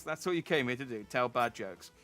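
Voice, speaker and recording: A man's voice: mid-range voice, expressive, fairly quick, pushed and bright, soft background music. A man doing a cocky Boston rival reporter. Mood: taunting. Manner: mocking, trash-talking. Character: brash cocky young male rival reporter.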